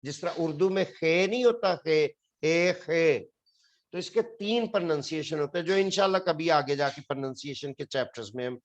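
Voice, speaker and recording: A man's voice: fairly high pitch, normal speed, highs cut off. A man teaching an English spelling lesson in a classroom, explaining patiently and repeating each word. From Pakistan. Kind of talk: classroom lecture.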